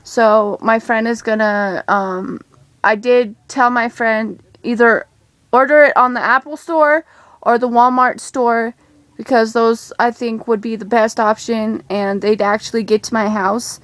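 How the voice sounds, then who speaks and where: A woman's voice: fairly high pitch, measured pace, no echo. Gushing, rambling young woman vlogger. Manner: excitable, gushing, rambling with many ums. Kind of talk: casual chatty vlog. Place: home.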